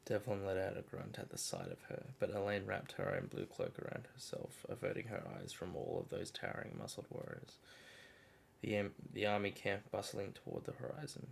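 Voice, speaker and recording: Gravelly man reading a novel aloud. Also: low-pitched, wildly swooping pitch, brisk, a little hiss or hum. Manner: reads aloud with stumbles, breaks off to joke. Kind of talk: live read-along with casual chat.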